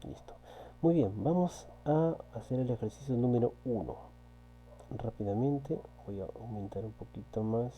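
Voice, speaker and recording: In a low-quality recording with a faint electrical hum, a man with a warm, mid-range voice and moderate pace leads an online physics class through exercises. He patiently repeats key points and checks with his students often.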